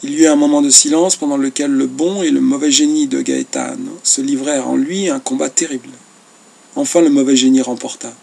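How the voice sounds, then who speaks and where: A man with a gravelly, mid-range voice narrates a classic novel for an audiobook. His reading is measured and expressive.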